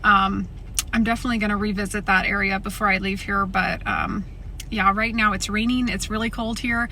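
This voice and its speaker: A young American woman films herself for a travel vlog and sounds worn out. She talks loosely and rambles, with plenty of ums and restarts, at an ordinary mid pitch. Clear background noise and car sounds sit under her phone recording. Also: steady tone, a little fast, sharp tone. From United States. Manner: chatty, tired and rambling, many fillers and restarts. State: exhausted. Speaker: travel vlogger.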